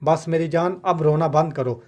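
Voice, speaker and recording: A man's voice: fairly high pitch, fairly even intonation, normal speed, a little mellow, lightly acted. A man voicing an angry, protective young husband who pleads firmly with his mother, in a storybook reading. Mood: tender.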